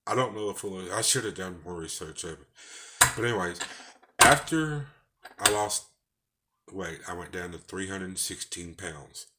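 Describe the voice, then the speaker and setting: Deep-voiced Texan man, rambling folksy vlog. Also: expressive, measured pace, sharp tone, a little hiss or hum. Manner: rambling, folksy, with false starts. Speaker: vlogger. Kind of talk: casual personal vlog.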